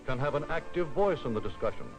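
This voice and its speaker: A man delivers old-newsreel narration in a formal, declamatory tone at a middle pitch. Music plays clearly under his voice on an old film soundtrack. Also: expressive, fast talker.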